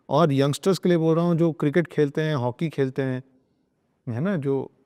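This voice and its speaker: A man talking earnestly as a podcast guest, hammering his points home with repeated phrases and bits of English. His voice sits a little high but sounds dark and mellow. A long reverb trails after his words. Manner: emphatic, lecturing, repeats phrases and slips into English. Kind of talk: earnest podcast talk on spirituality and parenting.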